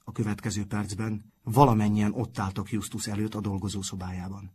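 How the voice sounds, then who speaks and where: A man narrating a storybook in a steady, scripted reading. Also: fairly low pitch, slightly rough. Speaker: audiobook narrator.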